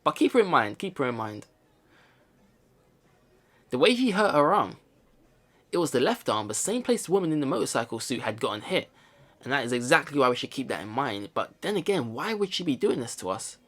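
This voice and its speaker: A man hosting a let's play casually comments on the game and reads visual novel narration aloud, rambling and repeating himself as he thinks out loud. His mid-range, fairly bright voice is sing-song and fairly quick, broken by long pauses.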